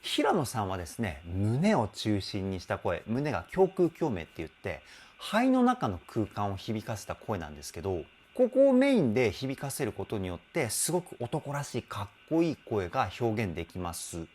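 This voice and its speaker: A man's voice: on the low side, huge pitch swings, normal speed, few pauses, darkish tone. A man working as a vocal coach, reacting to a song and breaking down the singing. He explains with enthusiasm, often exclaims, and adds polite, apologetic asides.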